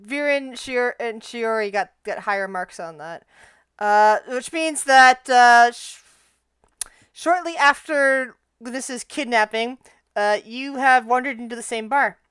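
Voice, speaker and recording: A woman's voice: on the high side, a little slow, a bit bright, clean tone, no echo. A woman narrating a casual tabletop game as game master.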